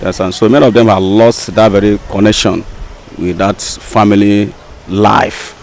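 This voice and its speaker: A man's voice: fairly low pitch, steady tone, moderate pace. A man with a Nigerian accent explaining his view in spontaneous talk. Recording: faint outdoor street noise.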